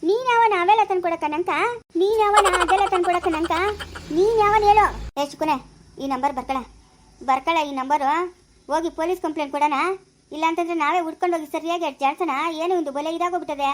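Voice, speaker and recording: A woman's voice: sits high, steady tone, fast, close to an everyday voice. A woman playing a distraught village wife who wails and laments, with a Chikkaballapura Kannada accent. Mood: indignant. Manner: wailing, lamenting.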